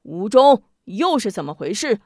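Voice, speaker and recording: A woman storyteller voicing a shrewd, lively male emperor who speaks in a commanding yet amused way. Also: medium pitch, normal speed, no echo, clean studio sound. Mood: regal, amused.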